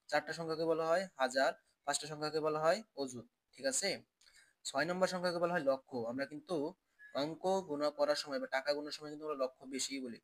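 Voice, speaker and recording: Male teacher, a bit higher-pitched, with a patient, repetitive question-and-answer drill for children. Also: a bit bright. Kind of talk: classroom math lesson.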